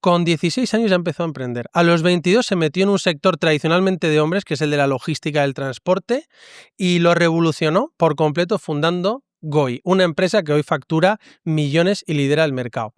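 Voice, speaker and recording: Smooth-voiced priest hosting an interview. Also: male voice, fairly high pitch, brisk, no echo, clean studio sound. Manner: warm questioning with tag questions. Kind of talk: conversational interview.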